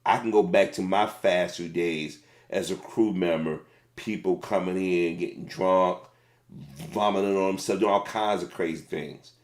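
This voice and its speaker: A middle-aged man, a former fast food manager, giving casual, plain-spoken commentary on a video. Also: sits low, echoey room.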